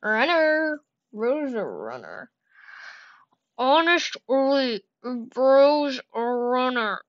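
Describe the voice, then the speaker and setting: A woman giving excitable casual commentary while playing a video game, talking to herself and yelling at the game, close to her microphone. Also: high-pitched, drawn-out words, highs cut off. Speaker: gameplay streamer. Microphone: close desk microphone.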